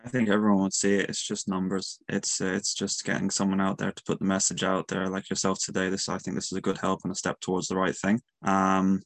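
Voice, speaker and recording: A man from County Mayo with a west of Ireland accent, giving casual interview answers in an earnest, halting way that repeats words. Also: low-pitched, completely flat delivery, no echo. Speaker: youth sports coach and player.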